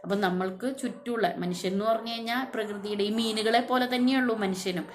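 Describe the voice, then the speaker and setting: A woman's voice: a little high, a little fast, a little hiss or hum. A woman, retelling a textbook story to students in a loose, unscripted way with many fillers and restarts. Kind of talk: casual spoken lesson retelling a story.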